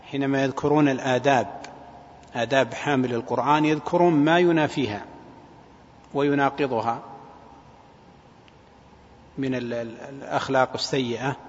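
A man giving a religious lecture in a measured, hesitant way, often repeating his phrases. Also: medium pitch. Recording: dull, echoing hall, faint noise.

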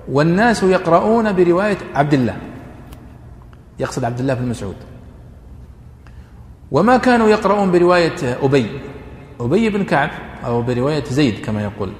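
A man, lecturing students on Quranic readings in an explanatory classroom manner and pausing on drawn-out fillers. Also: on the high side. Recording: echoey hall, faint ambient noise.

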